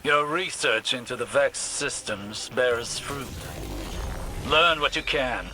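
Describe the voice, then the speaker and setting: An actor playing a solemn, formal scholar-warrior in a video game, speaking in measured sentences. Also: male voice, mid-range voice, lightly acted. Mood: grave. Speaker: game character. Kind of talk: video game cutscene dialogue.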